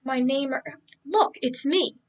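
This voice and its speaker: A woman's voice: high voice, unhurried, muffled recording. A woman reading the lines of a forgetful, earnest teenage girl from a novel, in a hesitant, flustered manner.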